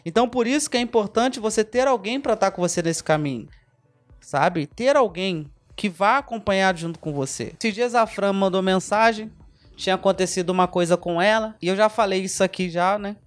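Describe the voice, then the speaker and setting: A man's voice: high voice, a little fast. A Brazilian man hosting a motivational podcast, emphatic and repetitive, speaking straight to the listener as a mentor. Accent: Brazilian Portuguese.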